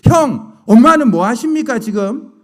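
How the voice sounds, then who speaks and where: A man voicing a remorseful imprisoned adult son, speaking low as a lament, within a sermon story. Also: animated, normal speed. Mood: resentful.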